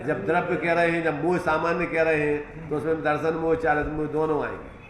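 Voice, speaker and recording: A man's voice: a little high, fairly even intonation, a little fast. A man teaching a scripture class, patient and explanatory, repeating key terms and using homely examples. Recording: echoey room, faint background noise.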